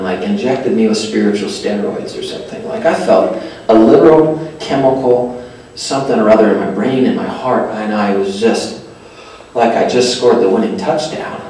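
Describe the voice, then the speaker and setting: A man gives an animated, self-deprecating storytelling sermon to fellow teachers. He is heard from a distance in a very echoey hall with faint background noise. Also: medium pitch. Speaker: speaker addressing religious teachers.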